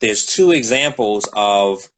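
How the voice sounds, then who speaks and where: A man's voice: fairly low pitch, expressive, takes it slowly, a little hiss or hum, poor audio. A man co-hosting a relationship podcast, talking candidly in a rambling way with frequent restarts. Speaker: podcast co-host. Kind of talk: casual podcast conversation.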